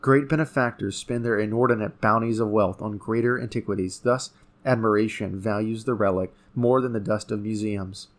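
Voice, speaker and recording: A man's voice: on the low side, steady tone, moderate pace, close to an everyday voice. A man reciting as a gloating, contemptuous villain in an epic poem, pompous and oratorical in metrical dactylic verse. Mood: smug, persuasive. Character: gloating, contemptuous male French villain, a treasure-hunting rival.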